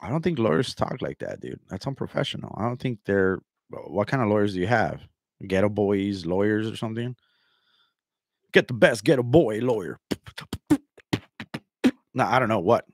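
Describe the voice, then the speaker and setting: A man's voice: lowish voice, animated, brisk, creaky, no echo. A man hosting his own channel, ranting with mocking sarcasm and repeating himself as he calls out a rival. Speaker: channel host. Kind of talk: ranting commentary.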